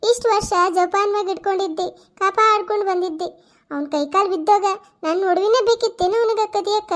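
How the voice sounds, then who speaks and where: A wailing older village woman from a cartoon, played by a woman, shrill voice, complaining lament. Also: fast talker.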